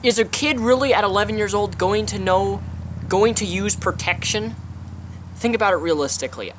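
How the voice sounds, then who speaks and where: A man's voice: high-pitched, moderate pace, a bit bright, a little hiss or hum. A young man giving his opinions in a casual vlog, chatty and talking with food in his mouth, recorded outdoors. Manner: chatty, eating while talking. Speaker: vlogger. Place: outdoors on a sunny day.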